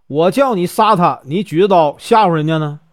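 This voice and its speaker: A man's voice: high voice, moderate pace, dry recording, clean studio sound, close to an everyday voice. A man voicing a greedy, scheming innkeeper who gives orders urgently, in a told folk story. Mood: angry. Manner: urgent, commanding.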